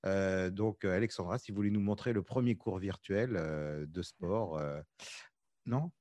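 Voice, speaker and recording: Man, co-host, casual lesson chat, joking interjections, lowish voice, dry close sound. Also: unhurried, dark tone, dry recording.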